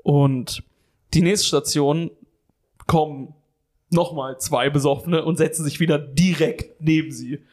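A young man with a slightly high voice tells a long comic story into a podcast mic. He rambles, swears freely and keeps circling back to pick up the thread. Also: steady tone, measured pace, a little mellow. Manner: rambling, swears a lot, keeps restarting with "anyway". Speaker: podcast co-host.

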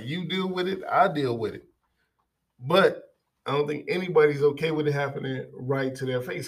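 A man who works as a barber, telling a story in a casual, animated way with lots of conversational asides. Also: medium pitch. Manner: animated, conversational, peppered with "you know what I'm saying".

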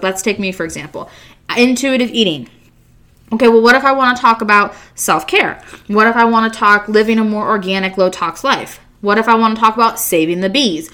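A woman with a medium-pitched, fairly bright voice hosts a podcast. Her candid, casual monologue is full of rhetorical questions and the odd swear word.

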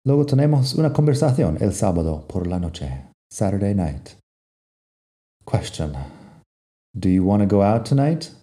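A man's voice: on the low side, sing-song, a little slow, long pauses, mellow. A man teaching English phrases, reading both sides of short example dialogues himself. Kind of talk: explaining English phrases to Spanish speakers.

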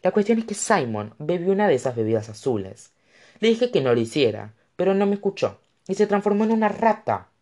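A woman's voice: fairly low pitch, sing-song, a little fast, darkish tone, voice pushed up. A narrator voicing a tipsy, indignant young woman who talks defensively and rambles in an audiobook. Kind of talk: audiobook character voice.

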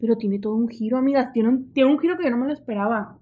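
A young adult woman with a Mexican Spanish accent, co-hosting a casual podcast chat and telling stories in a lively, chatty way. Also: a little high, quick pace, narrow, tinny audio, a little hiss or hum. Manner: animated, chatty storytelling. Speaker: podcast co-host.

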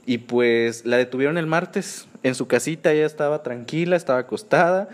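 A Mexican man co-hosts a casual podcast about pop-culture news. His delivery is sassy and campy, gossiping conversationally to listeners at a middling male pitch. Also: normal speed. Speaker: podcast host.

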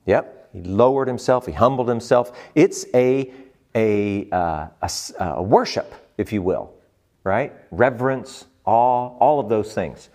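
A man's voice: medium pitch, measured pace. A man leading a group Bible study, teaching and asking the group questions. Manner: animated, asks the group questions.

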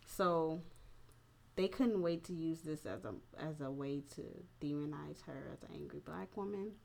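A woman's voice: sits low, normal speed, vocal fry. A slightly tipsy woman hosting a casual opinion talk, speaking candidly in slangy, profane, informal phrasing. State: a little tipsy. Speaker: podcast host.

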